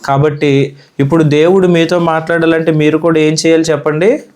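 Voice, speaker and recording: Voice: mid-range voice, little pitch movement, a little fast, a little mellow. A Sunday school teacher from India giving a children's Bible lesson in a church classroom, asking the children questions and repeating their answers.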